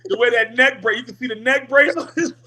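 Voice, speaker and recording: A man co-hosting a casual wrestling chat, telling stories in an animated, emphatic, joking way. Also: very high voice, quick pace. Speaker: co-host.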